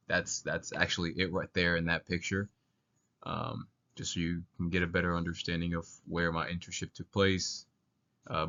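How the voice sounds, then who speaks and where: A young man giving a narrated student presentation, halting and hesitant, while sick with the flu. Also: sits low, fairly bright tone. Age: young adult. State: sick with flu, coughing now and then. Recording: dull lo-fi voice recording.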